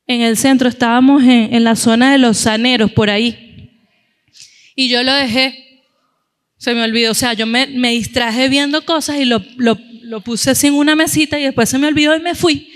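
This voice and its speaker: High-voiced woman preaching in an echoey hall. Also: normal speed. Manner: animated storytelling, acting out quoted voices. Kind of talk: sermon. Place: church.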